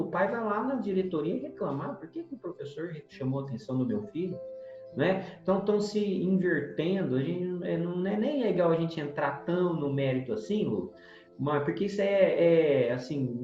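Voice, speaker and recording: Homem conversando num estudo espírita. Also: male voice, a little high. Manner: conversational, addresses his co-host often. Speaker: study group host. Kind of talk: spiritist book study discussion. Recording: roomy sound, dull lo-fi, soft music.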